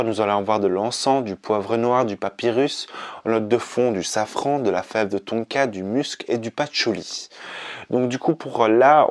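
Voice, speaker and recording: A young man, reviewing perfumes in an enthusiastic, casual countdown, with "donc du coup" as a constant filler. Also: fairly low pitch.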